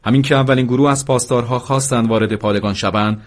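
A man reading an audiobook chapter in a calm, even storytelling manner. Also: mid-range voice. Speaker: audiobook narrator. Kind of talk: scripted narration.

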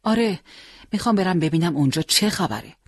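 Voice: medium pitch, lively intonation, no echo. A storyteller voicing a young wounded fighter, impatient and determined to leave the hospital, in a dry recording. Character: young wounded male fighter, eager and restless.

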